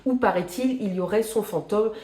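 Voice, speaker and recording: A woman talking casually about books she loves, pausing often with fillers and restarting her sentences. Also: medium pitch, mellow. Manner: hesitant, many fillers and restarts. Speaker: book reviewer. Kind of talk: casual book talk to camera. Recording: echoey room.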